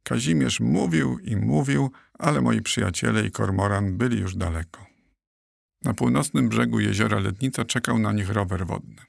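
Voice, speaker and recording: A man narrating a children's audiobook in a steady, clear storytelling manner, recorded close in a studio. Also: fairly low pitch, moderate pace, no room sound.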